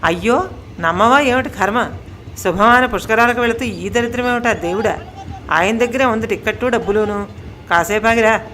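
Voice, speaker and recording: Frantic scolding wife, a woman putting her on, loud and a bit high, storybook voice. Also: moderate pace, slight background noise, lightly acted. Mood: flustered. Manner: loud, shrill scolding and wailing. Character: frantic, sharp-tongued middle-aged wife.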